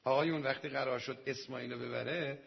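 A man preaching to an audience of men, telling a sacred story dramatically and swinging from hushed asides to loud outbursts. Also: medium pitch, steady tone, vocal fry, muffled recording. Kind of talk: storytelling sermon to a male audience.

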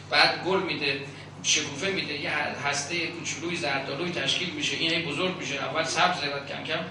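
A man, a seminary cleric, preaches a sermon at a religious gathering. He builds long rhetorical lists with pauses and recites verse and Arabic phrases. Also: a little high, bright, forceful tone, slight background noise. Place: religious gathering in a large echoing hall. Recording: very echoey hall recording from a distance.

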